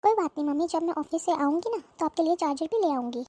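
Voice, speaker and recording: A woman's voice: very high-pitched, expressive, fast, warm tone. A woman voicing a sensible young working daughter-in-law who politely lectures her relatives. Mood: calm lecturing. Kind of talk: cartoon voice acting.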